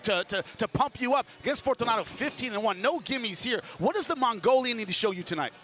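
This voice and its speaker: A man with a very high-pitched voice hosts a live boxing broadcast, commentating over prominent music. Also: expressive, fast, fairly bright tone. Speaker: broadcast host.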